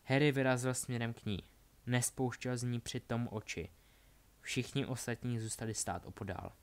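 A man reading a fantasy story aloud in a steady, plain narrating voice. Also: medium pitch.

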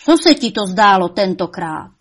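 A woman's voice: medium pitch, animated, close to an everyday voice. A woman voicing a bad-tempered, curious male devil who bellows and laughs mockingly in a storybook reading.

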